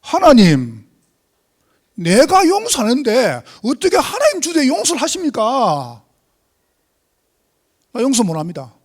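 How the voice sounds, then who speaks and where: Man playing a grieving mother, loud indignant outcry, high pitched. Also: huge pitch swings, a little slow, pauses often, heavily acted. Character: grieving mother crying out bitterly to God.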